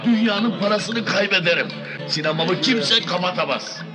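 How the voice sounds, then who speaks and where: An actor playing a fretful, money-minded older village cinema owner in a comedy film, protesting yet quick to give in. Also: male voice, high-pitched, over music, close to an everyday voice.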